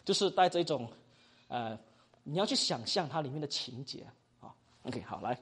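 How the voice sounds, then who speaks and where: 一位马来西亚口音的男讲道老师在课堂上授课，说话生动随意，句尾常带"哈"。. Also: male voice, medium pitch, normal speed, breathy edge. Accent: Malaysian Mandarin. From Malaysia. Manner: animated, chatty, ends phrases with 哈. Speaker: preaching instructor. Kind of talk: classroom teaching.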